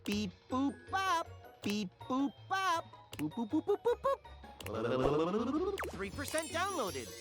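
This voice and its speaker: A chirpy robot dishwasher. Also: female voice, high-pitched, very animated, slow pace, long pauses, heavily acted. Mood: robotic, processing. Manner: chirpy, sing-song beep-boop noises and announcements. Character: cheerful female dishwasher appliance with a face. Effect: mechanical robot voice, beeping and booping. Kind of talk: video game voice acting. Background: game music.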